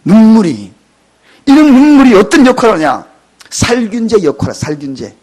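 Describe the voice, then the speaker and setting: A high-pitched, husky-voiced pastor in his fifties delivers an emotional church sermon. He swings between quiet asides and dramatic, near-tearful cries. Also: big pitch swings, moderate pace. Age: 50s. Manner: emotional, dramatic preaching with sudden loud cries. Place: church sanctuary.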